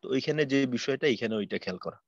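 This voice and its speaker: A man teaching Quran recitation in an online class, explaining patiently and slowly stretching out sample verses. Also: medium pitch, animated, dry recording. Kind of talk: online tajweed lesson. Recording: dry, muffled lo-fi audio.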